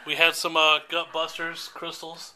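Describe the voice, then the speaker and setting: A man with a bright, slightly high voice talks to his pocket camcorder in a folksy, joking way. He narrates a family visit in a home video, teasing relatives as he goes. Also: completely flat delivery, a little slow, low-quality recording. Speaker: vlog host. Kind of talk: casual home video chat. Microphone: handheld pocket camcorder.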